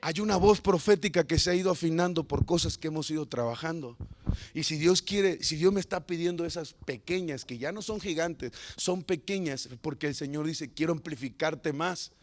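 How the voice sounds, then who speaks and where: Lively storytelling man preacher. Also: on the high side, normal speed, slight background noise. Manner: animated storytelling with humor, swings between loud and hushed. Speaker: pastor. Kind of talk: sermon.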